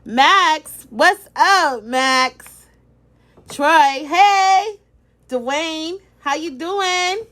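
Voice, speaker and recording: A woman with a Boston accent, hosting a casual live-stream interview, chatty and animated, greeting viewers by name. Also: sits high, very slow. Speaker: interview host.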